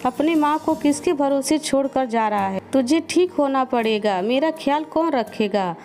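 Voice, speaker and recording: Storybook grieving mother, pleading, read by a woman in her own high voice. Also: expressive, moderate pace, a little mellow. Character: grieving mother of an injured son.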